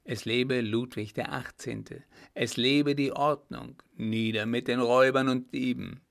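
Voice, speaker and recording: A confident young officer stands his ground, his voice firm and a little raised, as a male narrator puts him on. There is a gravelly rasp under the words. His speech has an assured, commanding ring to it. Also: medium pitch, measured pace. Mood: rousing. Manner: firm, confident, somewhat louder delivery. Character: bold young German officer, calm and commanding.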